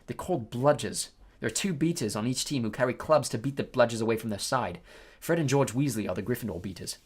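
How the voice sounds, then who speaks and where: A reader voicing a weary, resigned teenage schoolboy who answers flatly and heavily. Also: medium pitch, fast talker, husky, lightly acted. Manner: flat, heavy, resigned.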